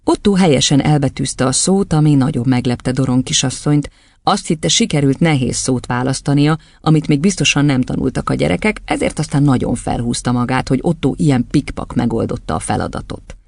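A man narrating a children's story as an audiobook in a lively storytelling manner. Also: medium pitch, vocal fry, no echo, clean studio sound.

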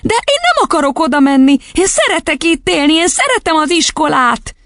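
A woman voicing an excitable little girl who pleads in high, breathless cries. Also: no echo, studio quality, heavily acted. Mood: alarmed.

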